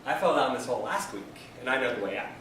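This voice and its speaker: A man voicing a calm, knowing male friend in a spoken parable, speaking in a matter-of-fact way. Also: mid-range voice, fast, lightly acted. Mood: reassuring. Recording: echoey room, mic far off, background noise.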